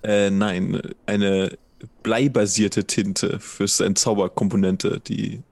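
A man's voice: lowish voice, level tone, takes it slowly, gravelly, darkish tone, no room sound. A man playing a tabletop game, talking through practical matters in a casual, hesitant way.

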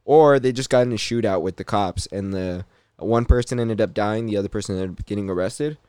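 Casting: young SoCal guy, podcast host, low clear voice, dry close mic. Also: brisk, mellow, no echo. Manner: laid-back, swears a lot, many fillers. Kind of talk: casual chat.

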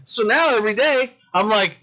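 A man in his forties trading profane, self-mocking jokes on a casual podcast. His voice sits high and rings bright, swinging widely in pitch. The audio is dull and lo-fi. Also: animated, moderate pace. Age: 40s.

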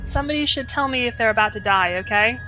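A woman's voice: fairly high pitch, bright, forceful tone, poor audio. A woman improvising casually as a tabletop game player, hesitant and often correcting herself. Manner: hesitant, halting, self-correcting. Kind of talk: casual improvised role-play. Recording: faint music behind.

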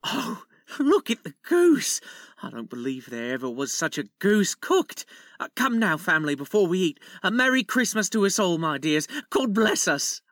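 An actor playing a kindly, poor clerk and father in a dramatized story, gentle and placating. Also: fairly high pitch, big pitch swings, moderate pace, few pauses, no room sound, studio quality. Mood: cheerful. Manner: gentle, warm-hearted and placating. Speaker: Bob Cratchit.

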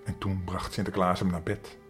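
A man's voice: low voice, moderate pace, faint music behind. Older man telling children a story. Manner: gentle, expressive, addresses children directly.

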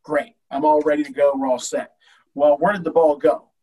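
An older man, a baseball coach, telling an emotional story in an animated way with many restarts. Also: fairly high pitch, normal speed, breathy edge, distant mic, rough recording. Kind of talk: storytelling in a talk show.

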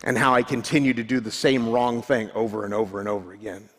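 A man's voice: medium pitch, steady tone, fast, fairly bright tone. A male pastor giving a sermon, candid and self-deprecating, often restarting his sentences. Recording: long hall reverb.

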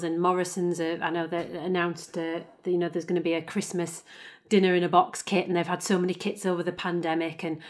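A woman co-hosting a podcast, chatty and asking long questions. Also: on the low side. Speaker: podcast co-host. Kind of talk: casual podcast chat.

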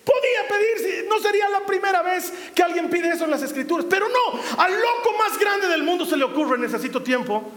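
A man preaching a sermon, telling stories with lively swings between loud exclamations and hushed, quiet passages. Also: very high-pitched, brisk, hardly any pauses. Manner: animated storytelling, swings from shouting to hushed. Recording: roomy hall reverb.

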